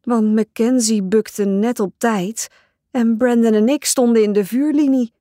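A woman's voice: a little high, steady tone, unhurried, warm tone, no echo, clean studio sound. A woman narrating a first-person diary in a bubbly, dramatic teen-girl manner. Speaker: audiobook narrator.

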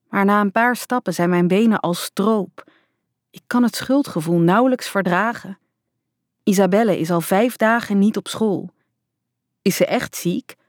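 A woman's voice: medium pitch, no echo, studio quality. Woman narrating a tense first-person story. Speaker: audiobook narrator.

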